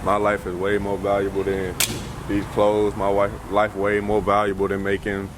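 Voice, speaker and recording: A young man vlogging casually to his phone camera, rambling loosely with slangy speech and thinking out loud as he corrects himself. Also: fairly low pitch, monotone, moderate pace, noisy background. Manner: laid-back slangy speech. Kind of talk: casual vlog talk to camera. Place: at home, then in a car before dawn.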